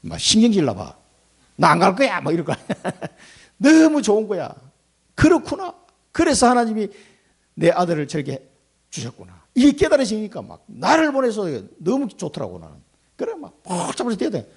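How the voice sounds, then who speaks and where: Middle-aged guy pastor giving a sermon, raspy gravelly voice, animated, acts out the quotes. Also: high voice, brisk. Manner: animated, acts out prayers and God's replies in quoted voices, chuckles.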